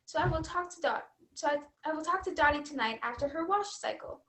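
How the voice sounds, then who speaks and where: A woman's voice: high-pitched, animated, a little fast, a bit bright. A woman playing an overly polite robot vacuum who talks in stiff, formal android diction. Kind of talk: stage comedy acting.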